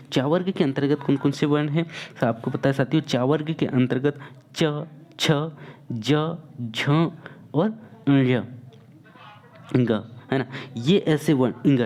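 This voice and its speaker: A man gives a Hindi grammar lesson with a warm, mellow voice. He keeps repeating terms and poses questions to his students, then answers them himself. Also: medium pitch. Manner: repetitive, asks and answers own questions, addresses students as friends. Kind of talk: online exam-prep lesson.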